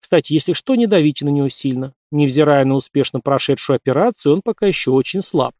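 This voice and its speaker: A brisk middle-aged hospital chief grumbles and gives orders, as a male narrator reads him. The pitch is a little raised. It is a dry, close recording. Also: animated, a little mellow, dry recording, natural voice.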